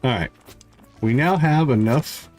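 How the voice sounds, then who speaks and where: A livestreaming gamer chats with viewers and thinks aloud in short, casual fragments, his throat catching slightly. He uses a mid-range, a little mellow voice at a measured pace, and faint music can be heard behind him.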